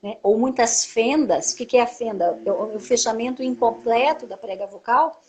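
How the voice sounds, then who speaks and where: A woman speech therapist explains her subject step by step in a slightly high voice. She teaches by asking rhetorical questions, then answering them herself, with a steady tag question after her points. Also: moderate pace. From Brazil. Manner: frequent tag "né". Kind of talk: live-stream conversation, explaining.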